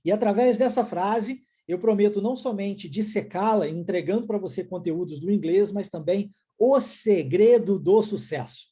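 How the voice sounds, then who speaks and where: A man with a Brazilian Portuguese accent teaching an online English lesson, energetic and repeating words slowly for the learner to copy. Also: sits high, slightly rough.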